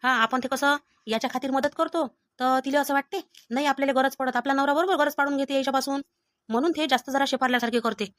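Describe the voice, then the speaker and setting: Quick, high Vidarbha Marathi woman, blunt scolding mother type for a rural comedy sketch. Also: steady tone, a bit bright, dry recording, studio quality. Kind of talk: scripted family comedy sketch.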